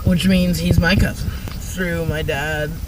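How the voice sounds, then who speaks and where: A young man from Maine chatting casually and haltingly to viewers, rambling as he gives an amateur review. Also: fairly high pitch, level tone, noisy background. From northern Maine, United States. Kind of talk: casual vlog chat.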